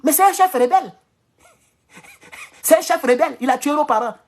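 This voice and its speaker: A man from Ivory Coast with an Ivorian French accent, giving an animated, casual political monologue at home, repeating phrases and chuckling often. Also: extremely high pitch, normal speed. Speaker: political commentator. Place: at home in his kitchen.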